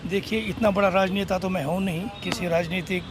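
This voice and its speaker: A man's voice: sits high, steady tone. Hesitant man over street noise. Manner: measured, hesitant answers. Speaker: engineer interviewee.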